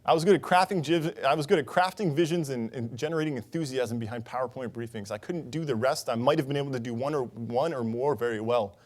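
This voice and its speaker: A man's voice: medium pitch, fast talker, few pauses. A young man giving a conference talk, telling a personal story in an earnest way on a conference stage. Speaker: conference speaker.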